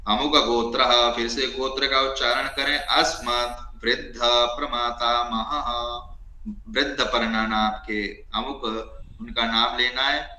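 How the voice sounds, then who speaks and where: A man teaching an online class on ritual recitation, chanting Sanskrit formulas slowly and then explaining them. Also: mid-range voice, flat delivery, bright, forceful tone, echoey room, low-quality recording.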